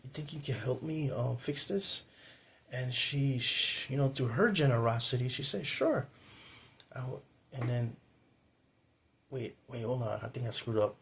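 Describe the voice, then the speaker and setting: A man's voice: mid-range voice, measured pace, gravelly, pauses often, a little hiss or hum. A man hosting his own cultural video channel, telling a personal story in a casual, rambling way, with many repeats and restarts, recorded indoors facing the camera.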